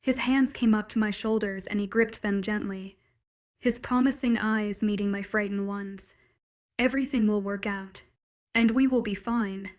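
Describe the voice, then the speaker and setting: Woman reading a first-person romance audiobook, steady even storytelling, mid pitch. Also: normal speed. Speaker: narrator.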